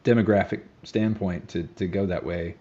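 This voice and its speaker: A man hosting a casual interview, playful and softly spoken. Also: low-pitched, steady tone, normal speed. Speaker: podcast host. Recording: muffled lo-fi audio.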